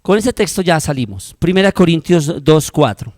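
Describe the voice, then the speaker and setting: A Colombian man preaching with fervor, his voice sitting high for a man. He drops to near-whispers and then climbs to urgent, ringing appeals. The sound is close and dry, with no room around it. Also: animated, normal speed, dry recording. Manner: impassioned preaching, swinging from hushed to loud. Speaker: pastor. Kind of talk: sermon.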